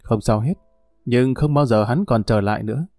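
Brief: man voicing a brutal pimp, cold threats, dark mellow tone, dry close sound. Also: mid-range voice, moderate pace, no echo, faint music behind, close to an everyday voice. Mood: menacing. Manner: harsh, threatening, contemptuous.

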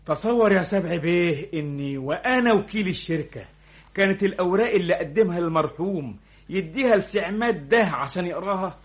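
A man playing a fawning, scheming deputy manager with an Egyptian accent, flattering and insinuating, in an old radio comedy-drama. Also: sits high, fairly quick, dull audio. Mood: sly, insinuating.

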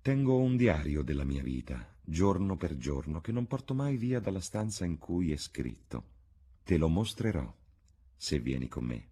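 A man reading the part of an arrogant, scornful young gentleman in an audiobook, with a sneering, cutting manner. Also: very deep voice, big pitch swings, moderate pace, slightly rough, exaggerated voice. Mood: cold.

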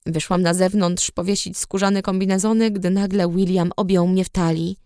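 A woman narrating a story in the first person, with expressive storytelling. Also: on the low side, normal speed, smooth, no echo, studio quality. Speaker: audiobook narrator.

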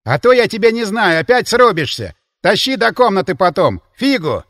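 A rowdy, sarcastic drinking companion holds forth in a raised, lively voice, played by a man reading an audiobook. The sound is dry and close. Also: high-pitched, moderate pace, no echo, voice pushed up. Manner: boisterous, sarcastic, lecturing. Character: brash loud male bar companion, mocking.

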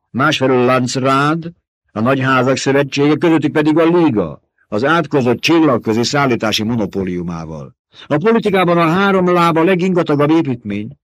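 A man's voice: medium pitch, animated, no room sound, voice pushed up, close to an everyday voice. A man voicing a stern, scornful old woman who mocks and scolds in a domineering way. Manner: mocking and domineering.

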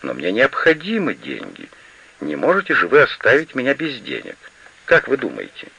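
A man's voice: medium pitch, wildly swooping pitch, normal speed, creaky, bright, forceful tone, breathy edge, pitched above the performer's own voice, exaggerated voice. Man voicing a demanding, imperious noblewoman. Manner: insistent and demanding. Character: proud, pleading, imperious woman estate owner. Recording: slightly lo-fi recording.

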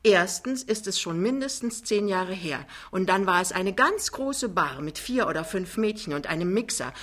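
A woman's voice: medium pitch, lively intonation, moderate pace, fairly bright tone. A woman voicing a vain, boastful older mother with a triumphant, theatrical manner in an audiobook reading.

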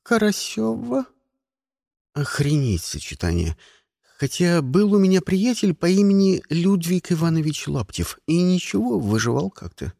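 A man tells a first-person audiobook story in a wry, sardonic way. His voice sits fairly high and moves a lot in pitch. The recording is dry and close. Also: sing-song, normal speed, creaky, mellow, no echo. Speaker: audiobook narrator.

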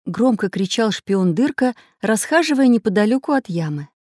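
A woman's voice: fairly high pitch, normal speed, no room sound. Woman narrator for a children's audiobook, dry close sound. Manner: expressive storytelling.

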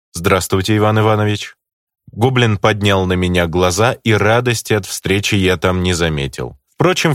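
Low-voiced man, animated audiobook narration. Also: no echo, studio quality. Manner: expressive, animated storytelling. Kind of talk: first-person audiobook narration.

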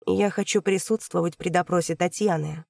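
A woman reading an audiobook, voicing a stern middle-aged male prosecutor who talks in low, clipped commands. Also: steady tone, moderate pace, gravelly, a little mellow, no room sound, clean studio sound.

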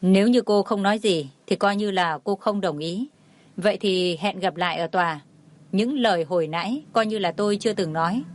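A woman's voice: mid-range voice, moderate pace, close to an everyday voice. A woman reading the lines of a cold, haughty rich older woman in a storybook, curt and dismissive.

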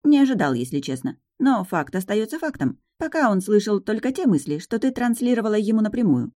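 A woman's voice: mid-range voice, big pitch swings, brisk, mellow, no room sound, pitched above the performer's own voice. A woman voicing a small sardonic male dragon familiar who teases and lectures. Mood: lecturing. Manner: teasing, dry, lecturing. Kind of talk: audiobook narration.

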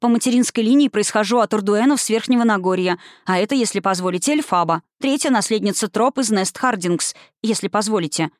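A woman's voice: mid-range voice, fairly quick, hardly any pauses, no echo, clean studio sound, close to an everyday voice. A woman narrator voicing a fussy, anxious young female student in an audiobook. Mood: fretful. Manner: prim, anxious and exasperated.

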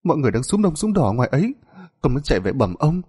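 A man voicing a panicked young male servant who stammers and rushes his words in a spoken folk tale. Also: fairly high pitch, sing-song, darkish tone, slightly rough, voice pushed up. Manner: stammering, breathless rushing.

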